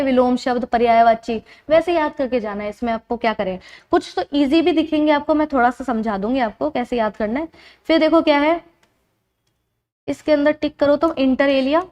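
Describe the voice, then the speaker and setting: A woman's voice: sits high, a little mellow, muffled recording. A woman teaches an exam-prep lecture. She goes step by step and keeps checking in with her students. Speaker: tutor.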